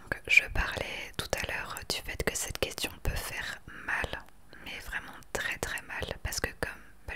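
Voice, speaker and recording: A woman in her late twenties talking earnestly and with conviction in a soft whispered ASMR chat into a desktop microphone. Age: 20s. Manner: earnest, opinionated. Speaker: ASMR creator. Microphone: desktop USB microphone.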